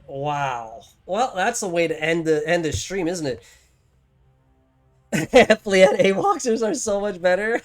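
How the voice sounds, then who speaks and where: A man's voice: high voice, lively intonation, normal speed, few pauses, soft background music. A young man streaming a game live, exasperated and swearing in slangy casual commentary. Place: home streaming setup.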